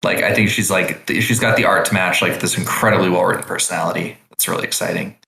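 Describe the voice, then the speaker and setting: Rambling low-voiced male podcast host. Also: steady tone, fast, vocal fry, pushed and bright, reverberant. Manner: rambling, full of "like" and restarts. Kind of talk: casual chat.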